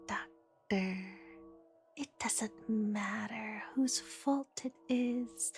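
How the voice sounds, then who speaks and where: A woman's voice: on the high side, darkish tone, breathy edge, exaggerated voice. A woman playing a deranged, playful and menacing female villain in an ASMR audio roleplay, taunting and theatrical as the delivery moves between whispers and outbursts.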